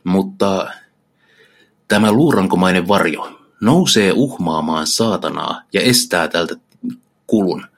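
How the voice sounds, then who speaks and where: Deep-voiced man retelling an epic poem. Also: lively intonation, long pauses. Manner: enthusiastic, slangy, frequent filler sounds. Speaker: literature explainer.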